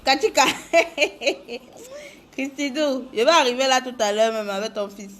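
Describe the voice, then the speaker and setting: A woman's voice: high voice, animated, unhurried, fairly bright tone, a little hiss or hum. A woman chatting casually with viewers during a live makeup tutorial, greeting them by name.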